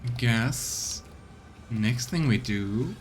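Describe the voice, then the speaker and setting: Over game music, this man streams a video game, chatting casually and reading out the narration. His voice is medium-pitched and animated, with drawn-out words.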